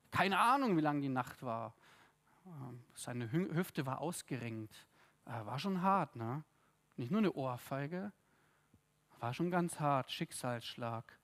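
A man preaching a sermon in a lively, conversational way, with asides and tag questions to his congregation. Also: sits high. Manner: reads scripture aloud with the congregation.

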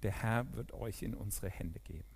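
A defiant young shepherd hero calls out his challenge in firm, declaiming tones, as a preacher reads him aloud. The delivery is bold and steady, with a reading cadence. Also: lowish voice, normal speed, breathy edge.

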